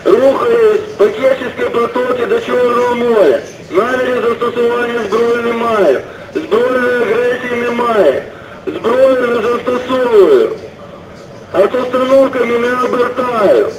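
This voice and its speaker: A man acting as a ship's radio operator, giving a measured, formal report over a marine radio transmission. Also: extremely high pitch. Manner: measured, official radio procedure. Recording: noisy, echoey, distant marine radio.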